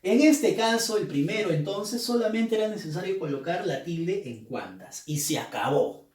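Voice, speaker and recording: A man's voice: sits high, lively intonation, moderate pace, darkish tone. A male teacher, possibly, explaining grammar in an emphatic way, stretching key words and often checking with "¿ya?" and "¿no?". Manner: checks in with rhetorical "¿ya?" and "¿no?". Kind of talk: grammar lesson. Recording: roomy, mic far off.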